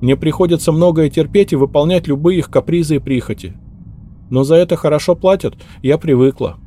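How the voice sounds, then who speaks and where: A man voicing a frightened young female maid who pleads and makes excuses in a rushed, tearful way. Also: on the high side, warm tone, a little hiss or hum, voice pushed up, lightly acted.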